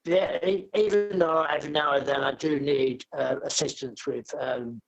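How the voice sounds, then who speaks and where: A man thanking a teacher over a call whose connection keeps breaking up, speaking haltingly and apologizing. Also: on the high side, fairly even intonation, gravelly, muffled recording, faint music behind. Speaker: retreat participant on a call. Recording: choppy distant call audio.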